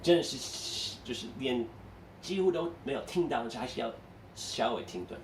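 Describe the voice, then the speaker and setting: A man's voice: mid-range voice, expressive, moderate pace, a little hiss or hum. A man teaching an English class, explaining step by step and asking students questions, switching between English and Mandarin. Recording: echoey room, mic far off.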